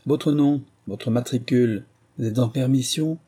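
A man's voice: medium pitch, unhurried, dark tone, husky. A man voicing a suspicious army captain in plain clothes who barks clipped, commanding questions. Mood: interrogating.

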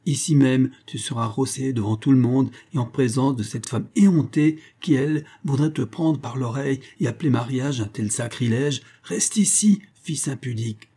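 A man's voice: on the low side, normal speed, creaky, hardly any pauses, dark tone, breathy edge. A man reading the part of a furious, harsh old mother who scolds shrilly. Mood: angry.

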